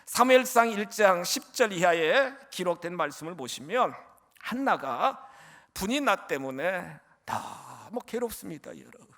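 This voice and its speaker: Male preacher, high and very animated, fervent delivery that jumps from shouting to whispering. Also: a little slow, gravelly. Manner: impassioned, swinging from shouts to whispers; keeps addressing the congregation. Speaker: pastor. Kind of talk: sermon.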